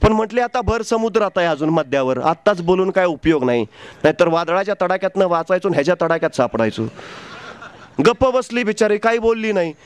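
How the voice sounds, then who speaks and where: A man's voice: high-pitched, expressive, fast, clean tone. A man giving a fervent motivational speech, telling stories and asking rhetorical questions. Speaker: motivational speaker.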